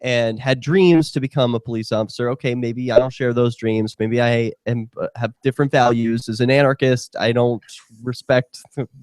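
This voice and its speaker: A man's voice: mid-range voice, steady tone, normal speed, a little mellow, no room sound, clean studio sound. A man hosting a talk radio show, ranting in a profane, heated and sarcastic way. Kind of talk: casual talk radio rant.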